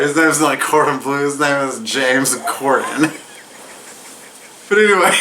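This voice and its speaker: A man's voice: mid-range voice, sharp tone, slight background noise. A man giving a casual, profane comedic film recap while tipsy and getting drunker, rambling and prone to giggles. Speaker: movie reviewer.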